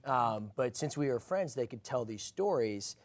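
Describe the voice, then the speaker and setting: A male guest in a talk show studio, with a middle-pitched voice. He answers in a relaxed, thoughtful way and lets a few you knows slip in as he gathers his thoughts. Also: moderate pace. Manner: relaxed, thoughtful, many fillers. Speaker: guest, co-founder. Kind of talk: studio interview.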